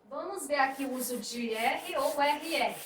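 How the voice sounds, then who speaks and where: A woman teacher explaining spelling rules slowly and patiently, restating each point. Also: sits high. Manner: slow, explanatory, repeats points with "isto é". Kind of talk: spelling lesson. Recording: echoey room, voice a bit distant, faint noise.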